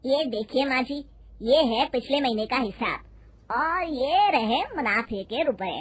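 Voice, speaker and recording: A woman voicing a smooth-talking, deferential male factory manager with an ingratiating manner in a moral story. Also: high voice, lively intonation, unhurried, heavy background noise. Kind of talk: moral story character acting.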